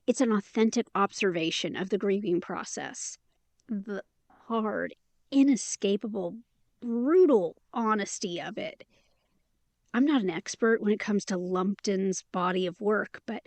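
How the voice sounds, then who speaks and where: An actress voices a caring, candid young woman in an intimate audio drama, speaking casually and with gentle encouragement. Her voice is natural and medium-pitched, with no room sound.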